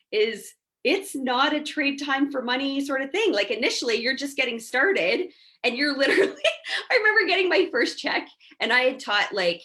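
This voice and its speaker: Female podcast guest, mindset coach; lively, talkative storyteller with a slightly high voice. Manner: chatty, animated storyteller, peppers speech with "like" and "right?". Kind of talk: casual podcast conversation.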